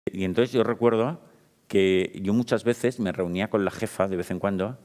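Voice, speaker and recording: A man from Spain, a psychologist giving a lively, informal public talk with frequent questions to the audience. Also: lowish voice, normal speed. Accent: Spain Spanish. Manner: informal, chatty, addresses the audience directly with frequent tag questions. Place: municipal event hall. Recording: reverberant hall.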